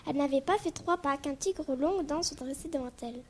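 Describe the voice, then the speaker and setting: A woman reading a children's story aloud in a steady, careful way on a class radio show. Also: high voice, a little fast.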